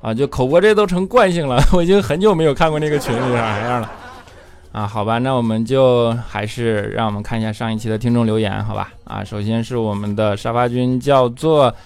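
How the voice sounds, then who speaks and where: A man's voice: medium pitch, steady tone, fairly quick, a little mellow. Man, solo comedy talk show host, joking monologue, frequent chuckles. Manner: joking, teasing, chuckles often.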